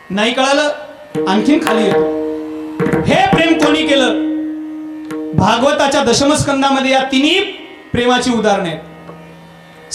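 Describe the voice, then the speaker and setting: High-voiced man preaching a kirtan. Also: a bit bright. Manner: storytelling, quizzing the audience. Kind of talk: devotional kirtan sermon. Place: live religious gathering. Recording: echoey hall with music behind.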